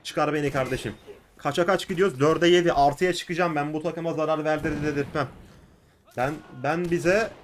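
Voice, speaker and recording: A young man with a Turkish accent giving casual commentary as he plays an online game, shouting in fights and muttering between them. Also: on the high side, moderate pace, slight background noise. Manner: excitable, shouts and laughs during fights, mutters to himself between. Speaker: gaming YouTuber.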